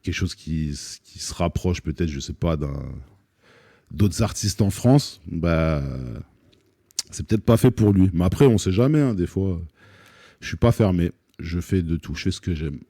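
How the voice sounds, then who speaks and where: Very deep-voiced man, dark and dry. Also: expressive, moderate pace, no echo. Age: 30s. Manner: hesitant, many fillers and restarts, joking. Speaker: rapper guest on a live music stream. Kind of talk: relaxed live Q&A chat. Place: studio set.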